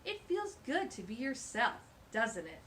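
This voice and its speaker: Slight background noise sits behind this storytime reader, whose voice is a little high and unhurried. She reads a picture book aloud to young children with warm, animated sing-song storytelling, chatting about the pictures as she goes.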